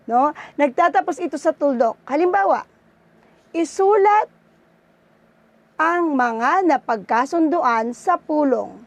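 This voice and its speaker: A woman's voice: sits high, lively intonation, slow, long pauses, no echo. A woman teacher with a Filipino accent, giving a lesson and checking in with her pupils with frequent "no?" and "okay?". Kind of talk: online class lesson.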